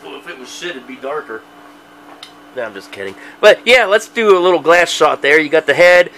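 A man's voice: fairly high pitch, animated, brisk, a bit bright. A man in his thirties co-hosting a casual beer review, joking crudely with his friend at a basement bar, picked up by a far camera. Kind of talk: casual chat. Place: dim basement bar, indoors. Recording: distant camera sound with faint noise.

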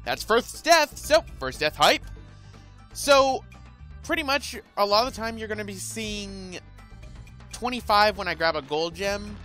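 A man's voice: on the high side, pushed and bright. A man hosting a let's play, giving rambling, sarcastic gameplay commentary. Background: faint game music.

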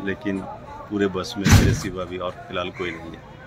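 A man's voice: low-pitched, flat delivery, a little fast. A man from Jharkhand in India, narrating his bus trip in a casual, reflective travel vlog and slipping English phrases into his talk. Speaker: travel vlogger. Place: bus and roadside stops outdoors. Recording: street and vehicle noise behind.

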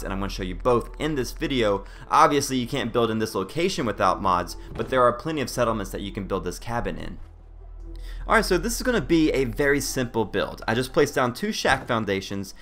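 A man's voice: medium pitch, fairly bright tone, a little hiss or hum. A man hosting a casual game tutorial voice-over in a joking, conversational manner. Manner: self-deprecating, joking, conversational. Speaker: video host.

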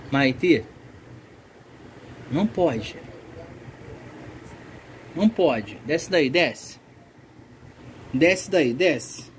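A woman's voice: low-pitched, slight background noise. A woman films her toddler on a phone, talking in coaxing, sing-song baby talk and playful scolding. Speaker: mother filming her toddler at play. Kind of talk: casual home video chatter to a child.

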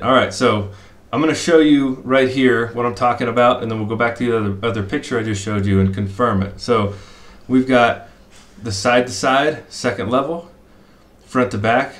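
In an echoey small room, a middle-aged fishing spot analyst at his desk explains a screen share to viewers. His voice is medium in pitch, and he reasons out loud, filling gaps with many "um"s and "uh"s.

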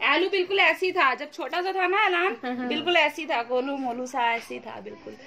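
High-voiced young woman teasing family. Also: brisk, vocal fry, pushed and bright. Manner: playful, teasing, laughs often. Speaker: vlogger. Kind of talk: casual family vlog chat. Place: crowded family home, indoors. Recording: family chatter behind.

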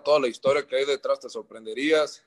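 A man's voice: mid-range voice, fast talker. A man, a professional boxer in a post-fight interview, boasting and trash-talking his rivals.

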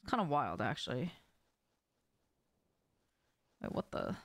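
This young woman's voice is bass-low and very animated, a little slow, with no echo. She's livestreaming a game from a small home room, casual and profane, speaking to her viewers and reacting to the action.

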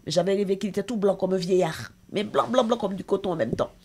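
A woman's voice: mid-range voice, fast talker, a little mellow, slight background noise. A middle-aged woman, a talk show guest and association president, giving an intense, emotional personal testimony with hesitations.

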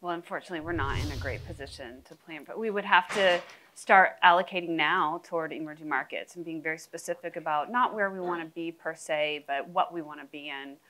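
A woman in her thirties, a research head, giving measured, frank answers on a conference stage through a lapel mic. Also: low voice, a bit bright, low-quality recording. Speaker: head of international research on a panel. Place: conference stage before a live audience.

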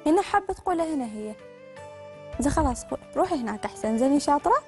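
A woman's voice: sits high, expressive, racing, soft background music. A woman hosting a children's studio show, coaxing children with upbeat questions.

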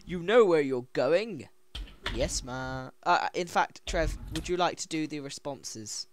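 Stammering gaming host. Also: male voice, on the high side, expressive, a little slow, a little hiss or hum. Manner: rambling, stammering, giggly. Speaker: let's play host. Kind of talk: casual gaming commentary.

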